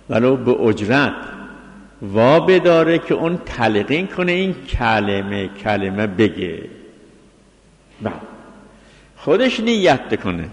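Man lecturing on religious law, hall echo. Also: medium pitch. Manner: explains point by point, reading Arabic text then glossing it. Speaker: seminary teacher of Islamic law. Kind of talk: jurisprudence lecture.

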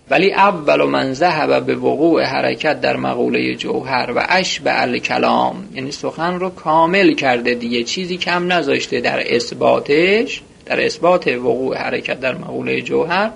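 A man's voice: fairly high pitch, creaky, a bit bright, slightly rough. A man teaching a seminary-style philosophy lesson, reading short Arabic phrases and then explaining them in everyday speech, asking and answering his own questions.

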